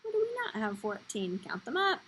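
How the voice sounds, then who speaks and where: A woman's voice: mid-range voice, sing-song, fairly quick, a bit bright, husky. A young woman teaching young children on a video call, in an encouraging, simple kids-show-host manner with sing-out counting. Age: young adult. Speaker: primary school teacher. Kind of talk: live online lesson for young children. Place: small indoor room, video call. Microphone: computer mic on a video call.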